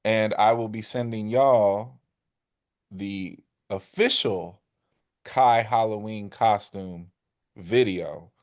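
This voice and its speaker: A man with a fairly low voice chats playfully as a podcast co-host. He repeats his phrases to drive a point home. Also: slow pace. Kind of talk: casual chat.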